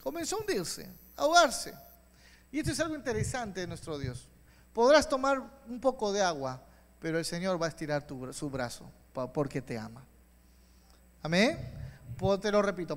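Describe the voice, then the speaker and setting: High-voiced preaching man in a reverberant hall. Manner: impassioned preaching, swings from soft to loud. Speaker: pastor. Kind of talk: sermon.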